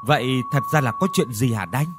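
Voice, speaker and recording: A man's voice: medium pitch, animated, fairly quick, background noise, close to an everyday voice. A man voicing a loyal young villager who earnestly pleads with and scolds his dead friend, over faint music in a reverberant space. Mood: reproachful.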